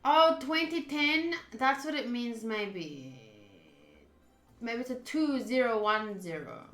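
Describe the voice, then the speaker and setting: A woman streaming a game reads the story aloud and adds casual commentary. Her voice is fairly high, a bit bright, animated, and slow, heard in a roomy echo with faint game music in the background.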